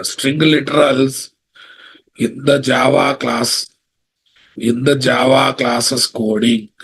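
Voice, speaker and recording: In a rough recording, a man with a Telugu Indian English accent runs an informal live online software class, checking that students follow with questions and repeating phrases. He has a mid-range voice that's gravelly, slightly rough, and fairly bright.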